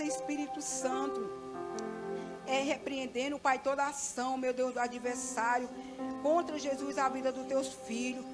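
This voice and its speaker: A middle-aged Brazilian woman at a church service, sharing a rambling testimony and praying fervently and repetitively, calling out to God and the pastor again and again. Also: high-pitched. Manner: rambling, keeps turning to the pastor with "né"; fervent, repetitive prayer full of "Senhor" and "Pai". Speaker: church member giving testimony and offering prayer. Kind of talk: testimony and spontaneous prayer.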